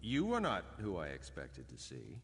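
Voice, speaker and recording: An actor playing a retired thief turned married painter in a video game, speaking with theatrical, dramatic phrasing. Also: male voice, extremely low pitch, wildly swooping pitch, moderate pace, fairly bright tone, big-room sound, soft background music, full character voice. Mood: resigned, somber.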